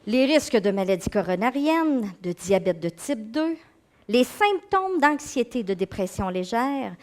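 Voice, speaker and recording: A middle-aged woman with a Québécois accent delivers a talk on action and motivation in a high, bright voice. Her pitch swoops widely as she teases the audience and mimics their excuses. The delivery is expressive and conversational. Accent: Québécois French. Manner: animated, acts out inner voices, laughs with the audience. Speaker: psychologist and speaker giving a talk. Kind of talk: lively lecture to an audience.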